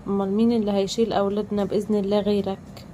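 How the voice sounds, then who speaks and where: A woman's voice: mid-range voice, flat delivery, rapid-fire, mellow, slight background noise, close to an everyday voice, low-quality recording. A woman voicing a loyal, affectionate young husband in an Egyptian accent, earnest and reassuring.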